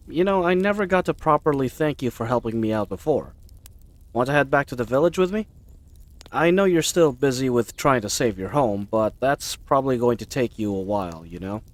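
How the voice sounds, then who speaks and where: In a roleplay audio drama, a man voices a bumbling, kind-hearted adventuring knight who rambles to the listener in a hesitant, awkwardly earnest way. His medium pitch is close to an everyday voice.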